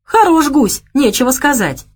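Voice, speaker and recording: A woman's voice: moderate pace, natural voice. Lady reader doing a coy teasing young gal, sly and stubborn, voice bounces around a lot. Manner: teasing, coy, high and lively.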